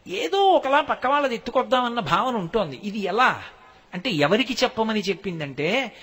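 A man with a Telugu accent giving a devotional discourse, telling stories with acted quotes and slow chanted verses. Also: high-pitched, sharp tone, breathy edge. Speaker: spiritual discourse speaker.

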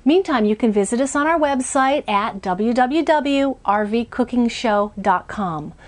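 A woman's voice: on the high side, expressive, unhurried. A woman in her forties hosting a cooking show from a small RV kitchen, chatty and upbeat as she walks through each step. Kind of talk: cooking demonstration.

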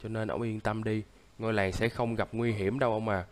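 A man's voice: on the low side, little pitch movement, fairly quick, lightly acted. A man voicing a sick young man who acts as a stern, lecturing big brother, coughing now and then, in casual game role-play. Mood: weak.

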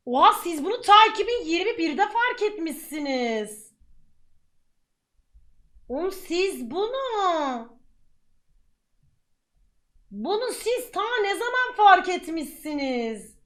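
A young adult woman streamer giving chatty, excitable reaction commentary with lots of exclamations. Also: very high-pitched, slow, long pauses.

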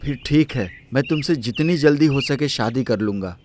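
A man's voice: mid-range voice, expressive, moderate pace, a little mellow, a little hiss or hum, lightly acted. Earnest young husband, voiced by a man. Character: young husband Rabin, dutiful son. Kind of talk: cartoon voice acting. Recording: music bed under dialogue.

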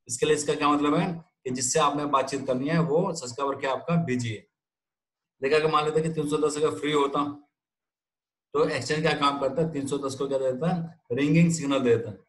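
A man lecturing a class in a question-and-answer rhythm, posing a question and supplying the answer himself. His voice sits at an ordinary middle pitch for a man. He repeats key terms and keeps checking that the students follow. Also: rough recording. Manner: checks in with frequent "theek hai?". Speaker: telecom instructor.

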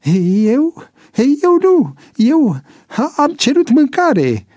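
A man's voice: very high voice, huge pitch swings, darkish tone, no echo, studio quality, voice pushed up, heavily acted. A man voicing a cowardly male prison snitch who stammers and whines near tears. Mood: panicked whining.

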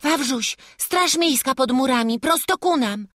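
A jumpy scared village kid, high voice, worried all the time. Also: female voice, animated, measured pace, fairly bright tone, no room sound, clean studio sound. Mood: anxious. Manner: fearful, anxious. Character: timid frightened peasant boy. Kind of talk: audiobook character voice.

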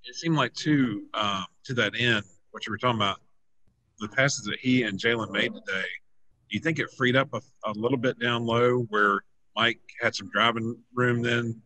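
A man's voice: mid-range voice, fairly even intonation, moderate pace, sharp tone, low-quality recording. A man, a reporter, asking the coach questions at a press conference with hesitant fillers.

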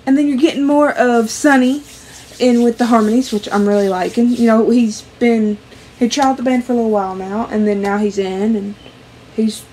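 Excitable young woman reacting to music. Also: a little high, slight background noise. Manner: gushing, excitable, talks over the music. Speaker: reaction vlogger. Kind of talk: casual reaction commentary. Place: small bedroom, indoors. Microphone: webcam at close range. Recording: music behind. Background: music playing from the video.

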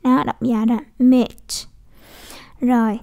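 A woman's voice: high-pitched, normal speed, warm tone, dull audio. A woman English teacher explaining pronunciation casually, repeating model words and checking with her students. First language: Vietnamese.

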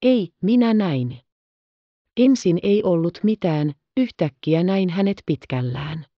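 A woman's voice: lowish voice, expressive, dry recording, muffled recording. A woman reading an audiobook, voicing a shy, hesitant young girl with light characterization.

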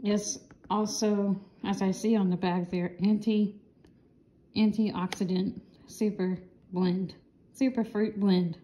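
A woman's voice: mid-range voice, flat delivery, slow, warm tone, a little hiss or hum, poor audio. A slightly out-of-breath woman giving a casual product show-and-tell, rambling and often stumbling and correcting herself. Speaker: product reviewer.

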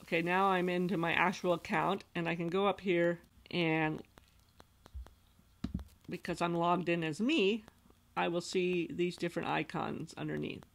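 Gravelly-voiced woman narrating a tutorial. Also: fairly low pitch, steady tone, measured pace. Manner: patient step-by-step explaining. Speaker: instructional designer. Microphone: voice-over recorded over screen capture.

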